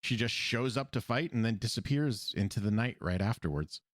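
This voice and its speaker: A podcast co-host with a very low voice recaps an animated episode in a loose, chatty way, laughing along with his partner at a moderate pace. His podcast mic gives a close, dry sound with no room around it.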